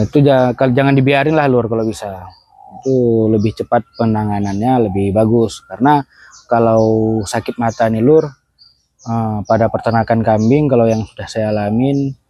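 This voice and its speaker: A man, a goat farmer, talking in a relaxed and chatty way outdoors at his goat pen, tagging his sentences with little asides. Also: mid-range voice, no room sound. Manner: relaxed and chatty, keeps tagging phrases with "Lur" and "ya kan". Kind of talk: casual vlog chat.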